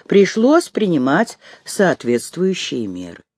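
A man's voice: fairly high pitch, wildly swooping pitch, slow pace, darkish tone, no room sound, clean studio sound. Man reading a tense first-person audiobook. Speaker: audiobook reader.

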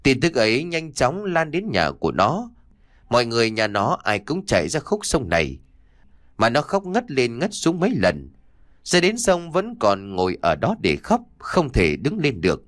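A man narrating a spoken story, his voice rising and falling in a lively, dramatic sweep. The recording is dry and close, with no room sound. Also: medium pitch, moderate pace, no echo. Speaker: audiobook narrator.

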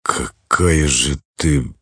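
Narrator doing a gruff stern guy, deep husky voice, dry close sound. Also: lively intonation, moderate pace, a little mellow, no room sound.

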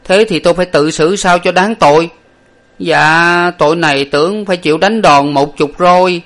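A man's voice: high-pitched, moderate pace, fairly bright tone, pitched above the performer's own voice. A man voicing a timid, cheeky young male servant who talks in a whiny, pleading, deferential way.

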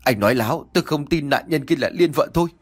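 A man voicing a distraught young husband who shouts in despair. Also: a little high, quick pace, pitched above the performer's own voice, natural voice. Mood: desperate. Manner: shouting, desperate.

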